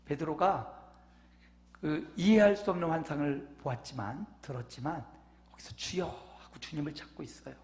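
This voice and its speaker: A man in his fifties preaching a conversational sermon as a pastor, dropping to soft asides and rising to loud, emphatic passages. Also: fairly high pitch, normal speed. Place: church sanctuary. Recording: echoey church hall.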